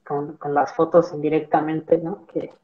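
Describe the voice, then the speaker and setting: A young man with a Mexican Spanish accent, a marine biologist guest chatting in a relaxed, rambling way with many fillers over a video call from a small room. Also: on the high side, measured pace, highs cut off. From central Mexico. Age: young adult. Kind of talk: casual video-call interview chat. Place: small indoor room with plain wall. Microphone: laptop video call.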